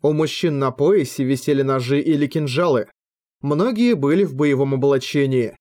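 A man's voice: medium pitch, moderate pace, dark tone. Man reading a fantasy novel aloud. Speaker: audiobook narrator. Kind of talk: scripted fantasy novel narration.

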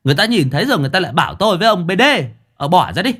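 A man's voice: medium pitch, very animated, moderate pace, sharp tone, pitched above the performer's own voice. A man voicing an irritable young master who scolds and nags his underling. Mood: exasperated. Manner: scolding, nagging.

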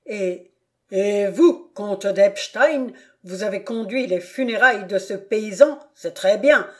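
Woman doing an enraged noble count, booming accusations, slow heavy delivery, storybook reading. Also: close to an everyday voice. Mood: furious. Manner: thundering, shouting accusations. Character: furious proud aristocratic count, a middle-aged father.

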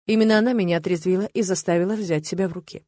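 A woman narrating a first-person audiobook with steady, expressive storytelling. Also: fairly low pitch, racing, no room sound, clean studio sound.

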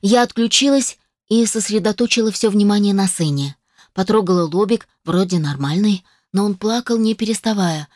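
A woman's voice: mid-range voice, moderate pace, darkish tone, no echo. A woman reading a dramatic first-person story aloud, emotional and distressed, on a close microphone. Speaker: audiobook narrator.

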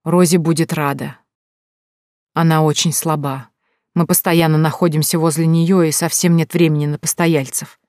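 A woman reader voicing an emotional middle-aged cook who speaks loudly through tears. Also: low-pitched, flat delivery, moderate pace, dry recording, studio quality, natural voice. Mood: anxious. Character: tearful, fussy middle-aged female cook.

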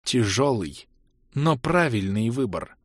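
A menacing undead woman of ice and blood, voiced by a male audiobook narrator. Her voice scrapes and grates, and she lingers over every word in slow proclamations. The recording is dry and close. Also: mid-range voice, very animated, no echo. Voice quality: grating, scraping. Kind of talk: audiobook character reading.

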